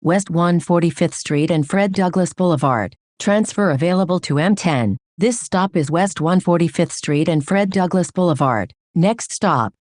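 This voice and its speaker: A woman's voice giving automated bus stop announcements, reading street names and transfers in a measured, even, formal way. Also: lowish voice, no echo, clean studio sound.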